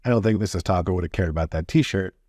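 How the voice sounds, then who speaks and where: A man hosts a show in a loose, rambling way, poking fun at himself as he tells stories. His voice sits low and is recorded dry and close, with no room sound. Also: fast, darkish tone, dry recording. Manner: rambling, self-deprecating storytelling. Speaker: show host. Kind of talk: casual chat.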